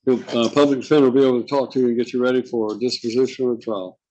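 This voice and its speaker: A man speaking as a judge in formal court proceedings, measured and procedural, with occasional hesitation. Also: medium pitch, steady tone, warm tone, muffled recording. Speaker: judge presiding over a court docket. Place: indoor courtroom.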